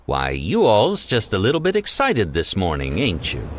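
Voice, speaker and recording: A man voicing a calm, smiling janitor with a smooth, folksy manner. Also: on the high side, a little fast, a little hiss or hum, voice pushed up.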